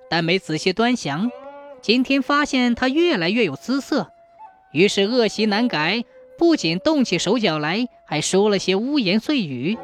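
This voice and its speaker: A woman telling a folk tale in an expressive storytelling manner. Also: fairly high pitch. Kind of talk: storytelling narration. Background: faint music.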